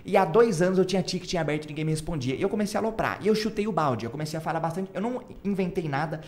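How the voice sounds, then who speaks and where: Fast-talking Brazilian man, high-pitched voice. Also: lively intonation, darkish tone. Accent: Brazilian Portuguese. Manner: slangy, swearing. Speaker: podcast host. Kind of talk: casual chat.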